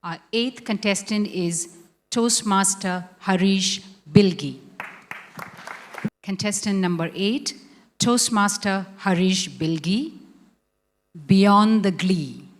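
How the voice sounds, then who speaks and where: A woman making a formal, deliberate stage announcement as contest chair. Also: medium pitch, slight background noise. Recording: long hall reverberation.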